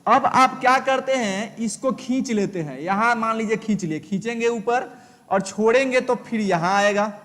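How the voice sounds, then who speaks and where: A man's voice: very high-pitched, moderate pace, a bit bright, long reverb tail. A male teacher giving a live online lesson, explaining step by step and checking with students through repeated questions.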